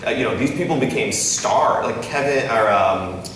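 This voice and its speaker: A man in his thirties who is an entrepreneur and investor speaks in an expressive, mid-range, fairly bright voice at a moderate pace. During a casual live interview on stage before an audience, he talks loosely, with many restarts and "right?" tags. The hall is echoey and noisy, and the mic is distant.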